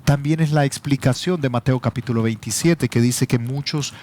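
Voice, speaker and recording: A man's voice: medium pitch, moderate pace, darkish tone. A pastor with a Salvadoran Spanish accent preaching a teaching sermon, his voice rising sharply when he quotes scripture.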